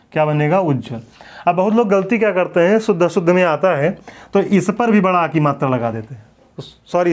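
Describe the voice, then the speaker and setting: Hindi teacher quizzing himself aloud. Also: male voice, sits high, darkish tone. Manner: asks questions and answers them himself, repeats answers; drawn-out repetition of words. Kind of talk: classroom lecture. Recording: dull lo-fi recording.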